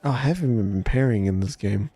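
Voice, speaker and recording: A man playing a video game and chatting casually, laid-back and rambling with frequent halting restarts. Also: fairly low pitch, warm tone, faint music behind. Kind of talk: casual let's-play chat.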